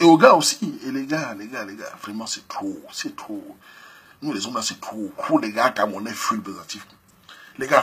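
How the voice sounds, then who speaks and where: Husky-voiced and quick to laugh, a male host with a Cameroonian French accent comments on a letter sent in by a listener and offers advice. His style is lively and full of slang, moving between loud outbursts and low asides.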